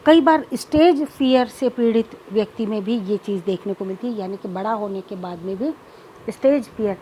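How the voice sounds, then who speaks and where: A woman lecturer explaining childhood speech disorders in a measured teaching manner, slipping English terms into her explanations. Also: mid-range voice, dark tone, a little hiss or hum, rough recording. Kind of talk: recorded lecture.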